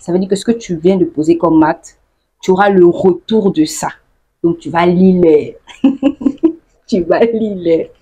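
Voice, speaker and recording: A woman vlogger who laughs often and acts out the phrases she explains in a casual, lively way. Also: fairly low pitch, a little slow, pauses often, husky. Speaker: YouTuber explaining local slang.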